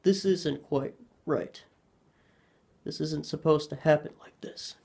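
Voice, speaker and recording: A man voicing a ten-year-old boy who speaks with the clear, precise, serious manner of an adult. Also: on the high side, slow, a little mellow. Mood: urgent.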